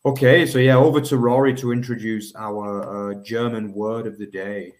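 A man's voice: fairly low pitch, steady tone, normal speed. A man co-hosting a football podcast, talking in a rambling way with many fillers like "obviously" and "you know". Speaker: podcast co-host. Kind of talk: casual football chat.

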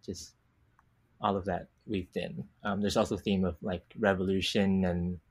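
This podcast guest is a young man from Vietnam who draws comics, chatting casually about his work at a thoughtful, unhurried pace with many fillers. The delivery itself runs at normal speed, his deep voice carrying a breathy edge and little pitch movement.

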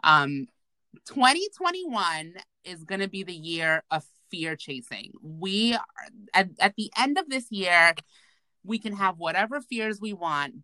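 Bright, animated woman podcast host. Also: on the low side, no echo, low-quality recording. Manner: animated, slangy and profane. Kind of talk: casual podcast chat. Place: bathroom, at home. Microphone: remote recording.

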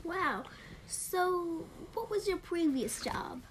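A prim talk show hostess, played by a woman, who speaks in a high voice. She is fussy and proper and asks her questions crisply. Faint background noise sits under her voice. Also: animated, slow pace, heavily acted, poor audio. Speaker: host. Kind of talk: improvised comedy interview.

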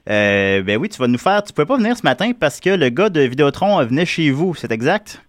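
Quebec French male host, teasing, lively range, dry close sound. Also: fairly high pitch, fairly quick, no room sound. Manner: joking, teasing. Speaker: radio host. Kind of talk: radio banter.

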